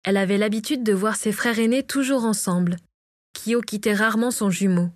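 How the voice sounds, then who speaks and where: A woman reads a storybook chapter aloud, calm and even, at a middling pitch. The recording is dry and close, with no room sound. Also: a little fast, no echo. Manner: reads all characters herself, lightly varying her voice. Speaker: audiobook narrator. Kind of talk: scripted storybook narration.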